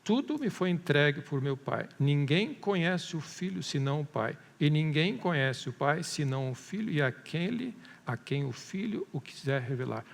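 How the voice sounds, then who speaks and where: A man's voice: a little high, creaky. A male pastor preaching a sermon with a Brazilian Portuguese accent, building to emphatic rises and stretching key words. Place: church hall. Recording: long church-hall reverb.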